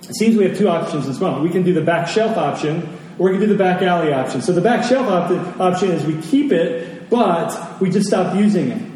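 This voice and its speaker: Heard from a distant mic in a large, very echoey hall with faint noise, a man preaches conversationally and repeats key phrases for emphasis. His voice is fairly high-pitched with a darkish tone.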